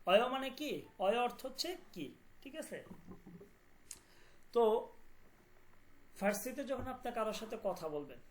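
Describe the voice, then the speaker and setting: A woman teaching a language class online, explaining words slowly and often asking whether students follow. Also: a little high, big pitch swings. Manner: repeats words and checks understanding often.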